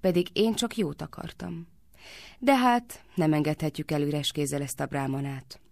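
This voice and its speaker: A sly young cowherd boy teases his friends with mock innocence in a read-aloud storybook, as a woman reader puts him on. The voice is low and gravelly and sits close and dry. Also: fairly even intonation, a little mellow, no echo. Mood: coaxing. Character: clever playful young cowherd boy Krishna.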